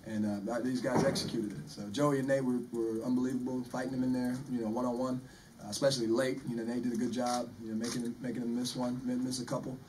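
A man in his forties, a head basketball coach, answering postgame press questions in a measured way and often repeating words while he thinks. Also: mid-range voice, flat delivery. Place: press room in front of a sponsor backdrop. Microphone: table microphone, recorded from the room. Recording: distant room mic with faint noise.

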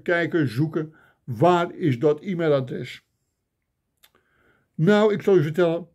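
Older man, mock-indignant rant, grumbling, mellow tone, phone camera. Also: on the high side. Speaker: vlogger. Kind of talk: ranting comic monologue.

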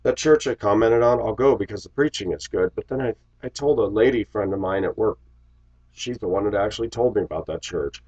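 An American man in his forties, congested while getting over a cold, talks reflectively to viewers in a rambling, casual, confessional vlog. His fairly low, darkish, slightly rough voice moves briskly, picked up by a desk-distance webcam mic in a small room with shelves, giving dull lo-fi audio.

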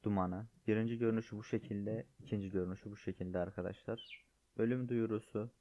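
A gaming YouTuber with a lowish, steady voice talks briskly while showing off game items, sounding sick and strained. He chats with viewers like friends in casual gameplay commentary, recorded with a dull, dry, lo-fi sound.

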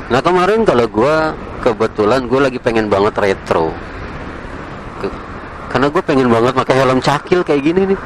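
Man, motovlogger, slow relaxed chat, helmet-cam mic, light street noise. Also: medium pitch. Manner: slow, relaxed, chatty slang, chuckles. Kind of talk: casual chat while riding. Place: on a motorcycle in night city traffic. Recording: faint traffic noise outdoors.

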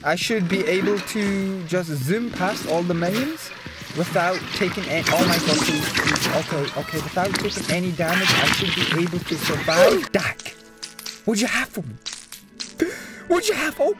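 Man, casual gameplay commentary, very lively pitch, playful, sweary, game music behind. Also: moderate pace. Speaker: gamer.

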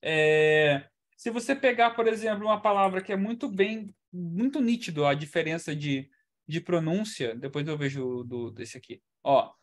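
A man's voice: a little high, moderate pace. A man teaching English in an online class, explaining in a chatty way and checking in often with the students. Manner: chatty, explanatory, ends points with "tá?".

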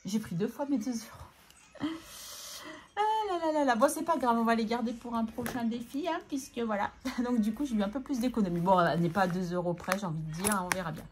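A woman vlogging casually as she sorts her budget, chatting to herself and counting out loud. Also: on the high side, a little fast, slight background noise. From France. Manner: talks to herself, scolds herself by name, counts aloud. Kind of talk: casual chatty talk to camera while counting money.

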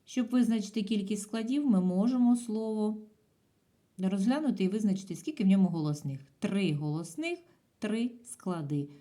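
A woman teaching a primary school lesson by video, patient and clear in a sing-song teacher's way. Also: medium pitch, moderate pace, warm tone. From Ukraine. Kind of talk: video lesson for young pupils.

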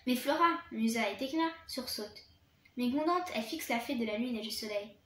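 A woman with a high voice reads a children's storybook aloud, tripping over words now and then and starting them again. The room around her is echoey, with a faint hiss underneath. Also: expressive, brisk, a bit bright. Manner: reads with occasional restarts and slips.

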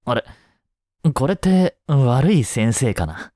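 In a Japanese voice drama, a male performer plays a kind, easygoing teacher speaking one-sidedly and intimately to a single student, as if to the listener. His medium-pitched voice is mellow and relaxed, gentle, casual and unhurried, reassuring and encouraging with long pauses. The recording is close and dry.

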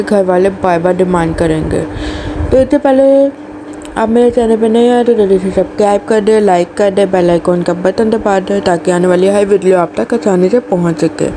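Woman, cooking-channel host, step-by-step recipe voice-over, small restarts, noisy home kitchen recording. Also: medium pitch.

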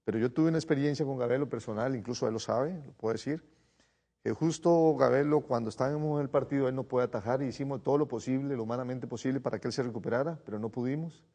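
A man recounts old stories as a guest on a studio talk show, slipping into other people's voices as he quotes them. His voice is gravelly and husky, with a dark, mellow tone. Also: medium pitch, quick pace. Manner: animated storyteller, quotes others in dialogue. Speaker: former national team staff member, studio guest. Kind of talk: telling anecdotes on a TV talk show.

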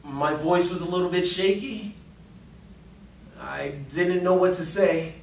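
A man with a fairly high voice gives a storytelling speech, animated and dramatic, with his lines rising for emphasis. The mic sits far from him, so the voice comes through a roomy, echoing meeting room. A faint hiss of noise runs underneath. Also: unhurried, creaky. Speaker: public speaker. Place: meeting room before an audience.

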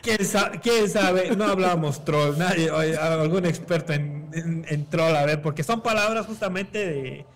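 High-voiced man reading chat. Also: a little slow, few pauses. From Bolivia. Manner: reads chat comments, laughs often. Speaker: esports caster. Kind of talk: casual esports commentary.

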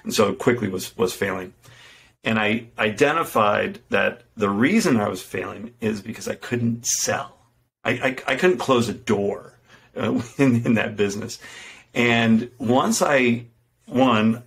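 A middle-aged fitness entrepreneur, guesting on a podcast, tells his business story casually and earnestly, often restarting sentences and running himself down. His voice is fairly low, creaky and a bit bright. He's recorded indoors in a home room with a window, on a studio microphone placed in front of him.

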